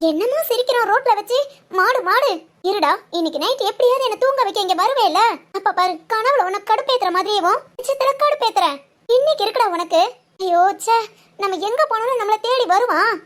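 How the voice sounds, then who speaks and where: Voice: very high-pitched, expressive, a little fast, a bit bright. A performer voicing a playful, teasing young village woman in a cartoon. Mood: playful scheming. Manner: teasing, chatty. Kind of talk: Tamil cartoon voice acting.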